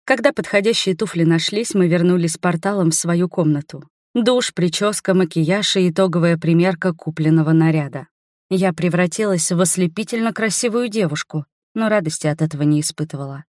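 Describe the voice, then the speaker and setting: A woman with a fairly low voice reads an audiobook in a measured, expressive first-person narration. The recording is close and dry, with no room sound. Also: dry recording.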